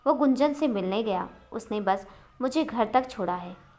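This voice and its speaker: A woman voicing a calm, sharp-tongued young wife in a storybook reading. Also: on the high side, unhurried, soft background music.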